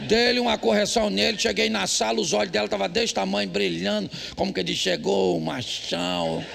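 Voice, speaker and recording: A man's voice: high-pitched, steady tone, fast, vocal fry, a bit bright, a little hiss or hum. A man with a Brazilian Portuguese accent preaching a humorous sermon in church, telling stories and teasing husbands bluntly. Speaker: pastor. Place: church service.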